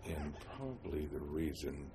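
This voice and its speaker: An elderly American man from New Jersey reminisces about his life in an interview, halting often with long pauses and hesitations. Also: extremely low pitch, very animated, noisy background. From New Jersey, United States. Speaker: oral history interviewee. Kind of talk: reminiscing, telling life story.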